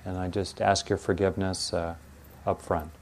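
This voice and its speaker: A man teaching a guided meditation in a soothing, gentle, unhurried manner with pauses between phrases, like a calm yoga teacher. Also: low voice, slight background noise.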